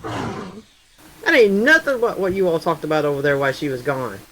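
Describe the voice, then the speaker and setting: A woman's voice: lowish voice, moderate pace, fairly bright tone, a little hiss or hum, rough recording. A woman in a casual group voice chat, talking bluntly and colloquially with incredulous questions.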